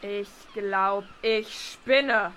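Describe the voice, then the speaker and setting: A woman playing a pushy, bossy young female contestant in an audio drama, brisk in her manner. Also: medium pitch, fairly bright tone, slight background noise.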